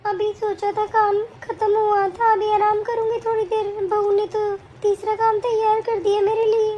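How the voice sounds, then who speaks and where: A woman's voice: extremely high pitch, flat delivery, moderate pace, mellow, slight background noise. A woman playing a tired, put-upon old mother-in-law who pleads and grumbles to herself in an amateur family drama. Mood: weary.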